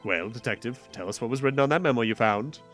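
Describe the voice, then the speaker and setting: A man's voice: mid-range voice, quick pace, fairly bright tone, faint music behind, pitched below the performer's own voice, lightly acted. A man voicing an earnest young defense lawyer, pressing a witness with questions.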